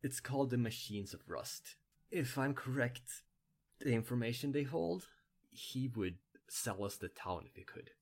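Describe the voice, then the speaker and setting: Wounded young researcher, husky and halting, quiet and evasive, as a game master puts him on. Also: male voice, medium pitch, animated. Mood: weary.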